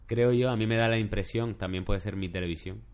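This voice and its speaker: A man's voice: lowish voice, steady tone, a little fast, clear, resonant tone. A middle-aged man, chatting casually as a podcast host and telling rambling stories. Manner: rambling, storytelling with shouted impressions. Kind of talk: casual chat.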